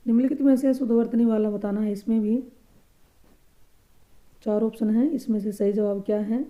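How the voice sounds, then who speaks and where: A woman teaching a grammar lesson for exam preparation, patiently explaining answers and repeating each correct word slowly and softly. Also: a little high, steady tone.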